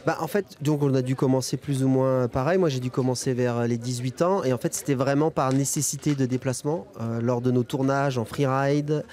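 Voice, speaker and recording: Speaking briskly with hardly any pauses, a young guest freeride skier gives a casual interview at a snowy ski resort event, using a handheld reporter microphone. His voice sits at medium pitch with a darkish tone and fairly even intonation, and his speech is hesitant and colloquial.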